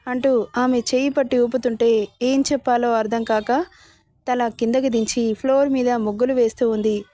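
A woman host narrating a scripted story in a calm, even storytelling manner. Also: a little high, normal speed, no echo.

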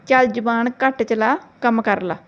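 Woman doing a sharp scolding mother. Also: fairly high pitch, moderate pace, lo-fi sound, natural voice.

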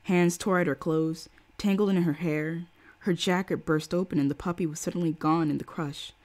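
A woman's voice: lowish voice, fairly even intonation, darkish tone. A woman reading a novel aloud on a live stream, voicing the quoted lines with feeling and stopping now and then to greet her chat. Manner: reads with acted quotes, pausing for chat.

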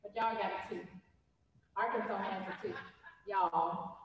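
A woman's voice: mid-range voice, little pitch movement, moderate pace, muffled recording. A middle-aged woman with a Mississippi drawl, a college instructor addressing students in a folksy way, repeating phrases. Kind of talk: addressing students at a chapel assembly. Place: large indoor gymnasium. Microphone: handheld microphone. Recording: echoey gymnasium PA, long reverb.

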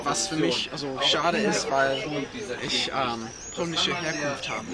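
A young man explains things patiently in a casual chat, with lots of fillers between his words. His voice is a little high. He was recorded outdoors on a city rooftop with a camera mic, and loud crowd noise fills the background. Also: measured pace. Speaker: guest, botany intern.

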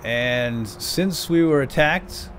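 Speaking slowly at a medium pitch with a slightly bright tone, a man hosts a gaming video and talks to his companion mid-play. His commentary is theatrical, playful and lightly role-played, with game ambience and effects adding slight background noise.

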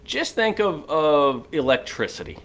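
A man's voice: fairly high pitch, measured pace. A man co-hosting a podcast in casual chat, making his points in an emphatic, opinionated way. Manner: emphatic, opinionated, animated storytelling. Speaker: podcast co-host.

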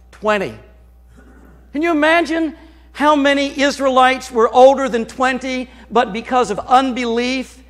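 A middle-aged American man preaches from the stage of a church sanctuary, his voice sitting unusually high for a man. He moves and gestures as he talks, and at times drops to a quiet, confiding tone with the congregation. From United States. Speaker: pastor. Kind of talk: sermon.

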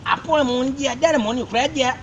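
Man acting a very high-pitched, agitated Liberian complainer. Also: fast talker, gravelly, lo-fi sound. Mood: agitated, indignant. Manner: repetitive, insistent, stammering complaining. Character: agitated, simple-minded man confused by his phone credit. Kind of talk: improvised comedy skit. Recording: faint background noise.

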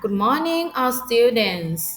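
A woman's voice: on the high side, big pitch swings, extremely slow, a bit bright, echoey room. A woman teacher leading an online class, calling on students by name and asking patient questions.

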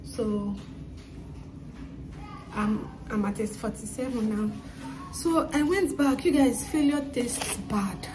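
A woman's voice: fairly high pitch, slow. A woman in her twenties chatting straight to her viewers in a casual vlog, telling them about her day. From not from Canada, studying there. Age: 20s. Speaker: vlogger. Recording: noisy with crowd chatter.

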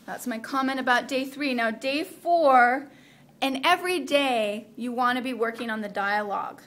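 A Spanish program instructor takes teachers through a week of immersion lessons in a practical, conversational training walkthrough, sprinkling in Spanish phrases. Her voice is slightly high and a bit bright, at a moderate pace.

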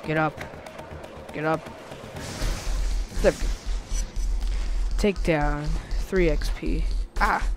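Excitable man narrating gameplay. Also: on the high side, slow pace, pauses often. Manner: chatty, excitable. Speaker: gaming channel host. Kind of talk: casual gameplay commentary. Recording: commentary over loud game music. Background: game music.

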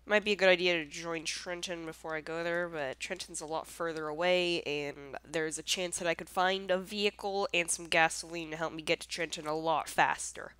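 A woman's voice: fairly low pitch, steady tone, normal speed, few pauses, a bit bright, clear, resonant tone. A woman with a congested, nasal voice chatting casually through her gameplay, easily surprised and self-deprecating. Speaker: gameplay commentator.

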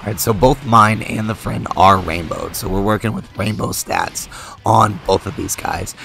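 There's a little hiss or hum behind this man's gravelly, lowish voice, which moves at normal speed. As a mobile game video creator, he plays a mobile game and talks through it casually, relaxed and full of fillers, while losing his voice from a mild sickness.

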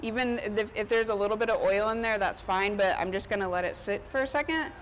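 Brisk and medium-pitched, this thirtysomething chef explains things casually as she cooks in front of a crowd at an outdoor covered market stage. A lapel mic picks her up roughly, with park sounds and outdoor ambient noise in the background.

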